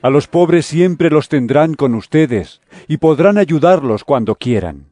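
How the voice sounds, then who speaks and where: A man playing Jesus as a solemn, deliberate teacher in a scripture audio drama. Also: a little high, expressive, dark tone, dry recording. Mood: gentle rebuke. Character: Jesus, solemn adult male teacher warning and instructing disciples.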